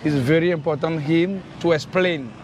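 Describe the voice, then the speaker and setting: Higher-voiced Beninese man guiding a tour. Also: steady tone, a little mellow, slight background noise. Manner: halting non-native English with simple phrasing. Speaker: temple tour guide. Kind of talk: explanatory guided tour. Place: outdoors in a temple courtyard. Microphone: clip-on lavalier.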